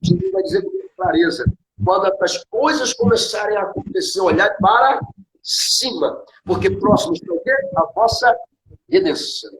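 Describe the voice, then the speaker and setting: Brazilian man, preaching style, high bouncy voice, asks and answers his own questions, echoey room with faint noise. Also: very animated, moderate pace, a bit bright. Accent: Brazilian Portuguese. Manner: emphatic, asks rhetorical questions and answers them himself. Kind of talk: preaching in a conversation.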